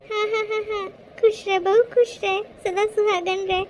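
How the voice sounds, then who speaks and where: A fussy mother-in-law from a cartoon, voiced by a woman, doting on one daughter-in-law and ordering the other around. Her voice is pitched very high. She talks in an indulgent, bossy way. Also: little pitch movement, unhurried, slight background noise. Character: doting mother-in-law, quick to take sides. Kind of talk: cartoon voice acting.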